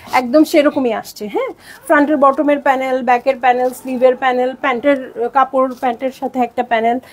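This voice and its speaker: A woman's voice: high-pitched, a little mellow. A young Bangladeshi woman selling dresses on a live stream, chatty and bubbly, often slipping in English words. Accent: Bangladeshi Bengali. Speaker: online clothing seller.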